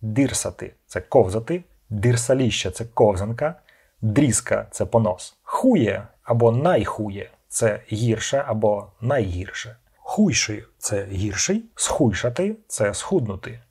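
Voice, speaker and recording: A man with a somewhat low, husky voice reads a scripted vocabulary lesson as a voice-over. He gives each word and then its meaning in short, clipped pairs. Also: expressive, measured pace, darkish tone. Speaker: language channel host.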